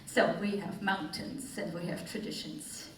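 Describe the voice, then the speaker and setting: A woman's voice: fairly low pitch, steady tone, measured pace, a bit bright, slight background noise. Woman, panel talk, laughing, candid, echoey, far from the mic. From Austria. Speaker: panelist author. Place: festival stage in a large hall. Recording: echoey hall, voice from afar.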